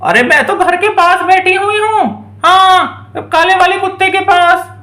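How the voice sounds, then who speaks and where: A woman's voice: very high-pitched, measured pace, sharp tone, reverberant, full character voice. A woman voicing a stubborn village mother in a toy doll story, scolding and bargaining.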